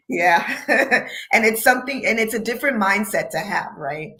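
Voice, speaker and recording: A woman's voice: mid-range voice, expressive, a little slow, sharp tone, a little hiss or hum. A woman co-hosting a casual online panel discussion, talking conversationally and often ending points with "right?". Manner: conversational, frequent "right?" tags and laughs. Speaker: panel co-host.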